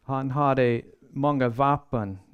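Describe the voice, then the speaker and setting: A man giving a sermon-style Bible lecture, measured and earnest, pausing often and restarting phrases as he thinks. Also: medium pitch, steady tone, smooth, lo-fi sound. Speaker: Bible seminar speaker.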